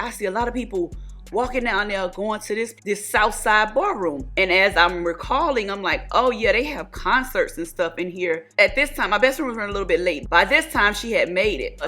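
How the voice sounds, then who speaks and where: A woman, telling a story to her viewers while doing her makeup, chatty and animated, calling them y'all and honey. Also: mid-range voice. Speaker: beauty vlogger.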